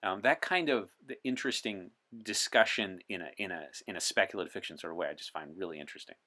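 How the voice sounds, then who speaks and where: Speaking quickly in a low voice with a sharp tone, a man guests on a podcast as a time traveler from 1964. He stays in character to discuss science fiction and current events, offering articulate, erudite explanations.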